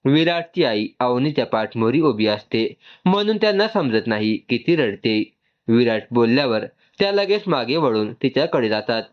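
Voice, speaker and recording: A man calmly narrating a romantic story. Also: mid-range voice, normal speed, dull audio. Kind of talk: scripted narration.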